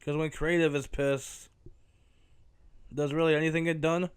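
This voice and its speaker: A man's voice: a little high, flat delivery, normal speed, clean tone, dry recording. Rambling, profane man hosting a podcast. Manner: rambling, self-correcting and profane. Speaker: podcast host. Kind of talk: casual solo commentary podcast.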